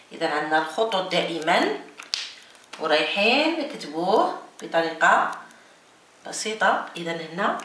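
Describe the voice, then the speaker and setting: A woman teacher, slowly spelling out letters and repeating each word. Her voice is bright and lively, rising and falling a lot. She sounds far from the mic in a very echoey room with faint noise. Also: mid-range voice. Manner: slow, repeats letters and words, drawn-out explanations. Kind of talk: French lesson for beginners.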